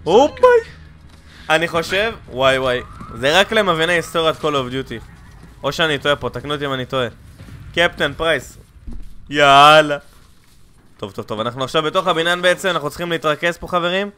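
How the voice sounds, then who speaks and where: A twenty-year-old man hosting a let's play, giving excited commentary into a headset and bursting into loud exclamations. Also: on the high side, a little hiss or hum. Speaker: gaming channel host. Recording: gunfire and game sounds loud behind.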